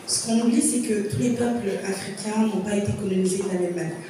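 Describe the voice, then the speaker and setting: A Congolese woman in her thirties speaks at a public panel in a mid-range, steady voice, at a quick pace. She comes across as earnest and reflective, with many fillers and restarts. The recording has background noise and was made in an echoey hall, her voice sounding far off.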